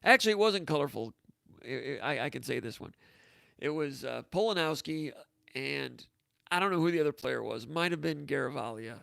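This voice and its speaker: A man's voice: medium pitch, animated, a little fast, creaky, fairly bright tone, dry recording. A man hosting a casual sports talk show, telling stories in a rambling, anecdotal way, with frequent restarts. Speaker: host.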